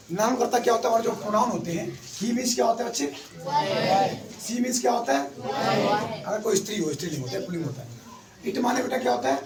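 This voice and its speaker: A man teaching an English class, quizzing his pupils and calling them beta. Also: high voice. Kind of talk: classroom lesson. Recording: echoey classroom from far off.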